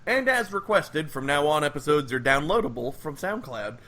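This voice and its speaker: A man hosting a casual wrestling podcast, upbeat and jokey with quick asides. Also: on the high side, sing-song, sharp tone. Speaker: podcast host and critic.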